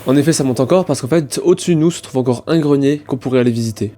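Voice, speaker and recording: A man delivering a scripted voice-over for his exploration video, brisk and wry. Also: medium pitch, music in the background. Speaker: video creator.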